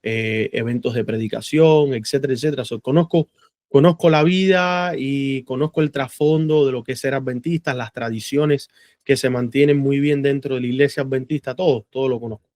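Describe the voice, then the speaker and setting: A man's voice: medium pitch, fairly even intonation, a little fast, darkish tone, no room sound, clean studio sound. Earnest man from Cuba on a video call. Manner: earnest, many "eh" fillers, laughs easily. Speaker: guest. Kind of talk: personal testimony in a video call.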